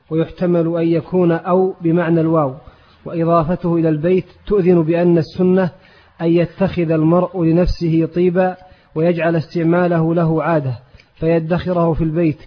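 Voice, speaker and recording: A man reading a classical commentary aloud to a sheikh in a steady, formal recitation. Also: fairly high pitch. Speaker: reader of the text. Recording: dull lo-fi old tape.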